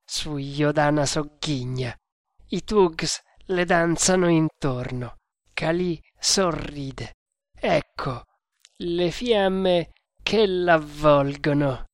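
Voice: medium pitch, drawn-out words, no room sound, studio quality. A reader voicing a tortured male villain, a strangler who roars and mocks his captor in a dramatic audiobook. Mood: gloating. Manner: roaring, mocking, bursts into wild laughter. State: groaning in pain.

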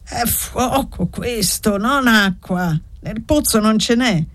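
A woman reading aloud and voicing a sick, irritable old man who grumbles slowly and wearily. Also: a little high, pitched above the performer's own voice. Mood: bitter complaint. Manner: grumbling, slow and weary.

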